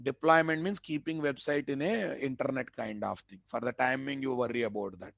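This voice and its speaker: Brisk and fairly bright, with vocal fry in a mid-range voice, this web development instructor records in studio quality with no room sound. A man speaking Telugu-accented Indian English, he lectures students live online, emphatic and repetitive, routinely checking in with rhetorical questions.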